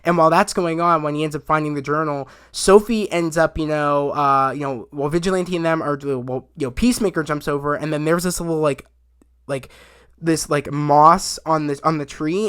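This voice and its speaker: A man's voice: on the high side, fairly bright tone, smooth. A young man giving a casual, rambling recap of a TV episode, full of restarts and fillers. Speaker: YouTube show reviewer.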